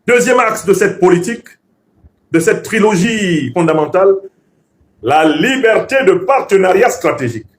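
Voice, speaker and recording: Speaking at a moderate pace, a male political commentator raised with Bassa lectures animatedly in an orator's emphatic, professorial manner, using repetition to drive points home. His voice is a touch high and varies widely in pitch.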